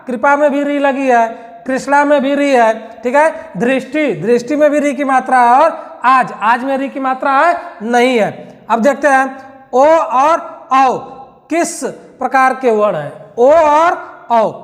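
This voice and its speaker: This male teacher's voice is very high-pitched and fairly bright, trailed by a long reverb. Preparing students for an exam, he sounds out each letter in a slow, stretched-out way and asks the class rhetorical questions.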